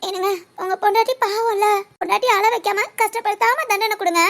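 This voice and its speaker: A very high, girlish voice of an anxious young wife, played by a woman. She frets aloud and coaxes her husband in a pleading, playful way. It sounds like a storybook audio drama. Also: a little fast, a bit bright. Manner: fretful self-talk, coaxing and pleading. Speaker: wife of a policeman.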